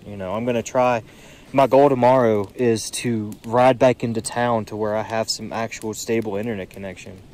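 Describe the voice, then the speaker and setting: A tired young man musing aloud in a solo vlog, seated outdoors by a creek, filling his pauses with "you know". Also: fairly low pitch, fairly even intonation, a little mellow. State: tired, yawning. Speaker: podcast vlogger. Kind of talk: reflective solo monologue. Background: faint creek water and birdsong.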